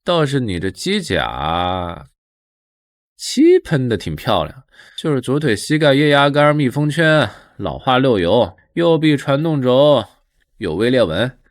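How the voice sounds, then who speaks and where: A man's voice: medium pitch, big pitch swings, a little slow, dry recording, clean studio sound. A man voicing a laid-back young mechanic with a casual, unbothered manner, the lead of a motion comic. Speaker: lead character.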